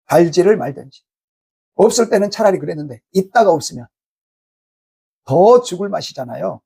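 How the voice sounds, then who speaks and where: Gravelly, husky pastor preaching emphatically. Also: male voice, high-pitched, expressive, normal speed, a little mellow. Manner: emphatic, rhetorical questions to the congregation; acts out angry complaints to God. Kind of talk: sermon. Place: church sanctuary.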